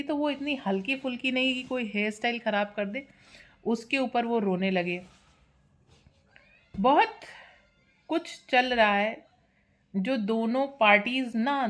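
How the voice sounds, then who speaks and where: A woman, running a teasing, sarcastic gossip commentary as a reaction vlogger. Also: mid-range voice.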